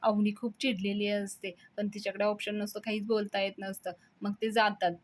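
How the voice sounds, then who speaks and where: A woman reviewing a TV serial by retelling the episode in lively storytelling. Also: medium pitch. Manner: lively storytelling, quick scene-setting.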